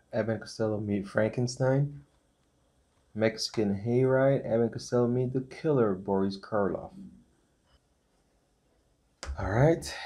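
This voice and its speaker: A man in his thirties hosting a casual unboxing vlog, reading titles off with small relaxed asides. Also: mid-range voice. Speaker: channel host unboxing a disc set.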